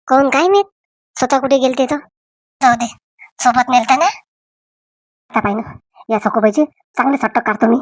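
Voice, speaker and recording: A woman's voice: high-pitched, dry recording. A woman with a Varhadi Marathi accent narrating a comic cartoon story in a chatty, folksy way.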